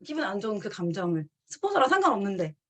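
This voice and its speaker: A woman's voice: medium pitch, sing-song, very fast. A middle-aged woman giving a motivational talk, telling a personal story and acting out quoted lines as she leads a group through a book. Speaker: speaker leading a book study.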